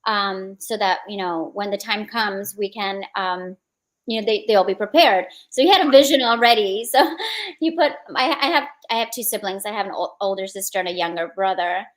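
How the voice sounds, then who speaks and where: Born in India and raised in the United States, a woman with an American accent appears as an interview guest, casually sharing personal stories. Her voice is medium in pitch and her pace is moderate.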